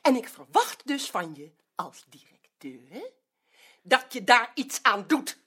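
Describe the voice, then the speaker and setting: An actress playing a stern office colleague who insists and complains, in an indignant manner. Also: female voice, on the high side, very animated, takes it slowly, a bit bright, full character voice. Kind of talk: drama acting.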